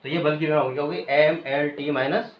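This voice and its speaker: A male teacher giving a classroom lecture who keeps asking questions and pauses for students to call out the answers, then repeats the key terms slowly. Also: fairly high pitch, steady tone. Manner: quizzes students, pausing for them to finish answers. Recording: echoey room, muffled, faint hiss.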